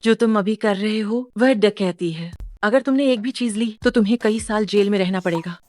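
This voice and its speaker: A woman voicing a young female employee in a dubbed drama, calm and firm under pressure. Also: mid-range voice, normal speed, dry recording, lightly acted.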